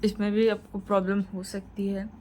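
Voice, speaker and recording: A woman talking through a lesson at a steady, middle pitch. She explains each step and repeats the key points to her learners. Faint noise sits under her voice. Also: normal speed, poor audio. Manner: instructive, repeats points, reassuring. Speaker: shorthand teacher. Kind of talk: tutorial lesson.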